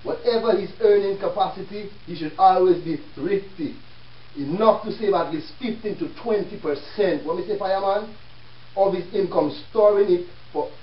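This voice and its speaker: Echoey Jamaican man in Rastafarian speech. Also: sits high. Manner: preaching, rhetorical, peppered with check-in questions. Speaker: self-help show host. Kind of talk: Rastafarian speech, informal lecture with readings. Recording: echoey room, distant mic, dull with hiss.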